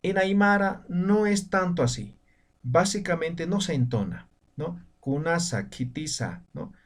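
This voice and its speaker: Male teacher, unhurried, slightly high voice, patient and repetitive, mic a bit far off. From Bolivian altiplano. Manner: patient, repeats words and tags phrases with "¿no?". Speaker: Aymara language teacher. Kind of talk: slow video lesson.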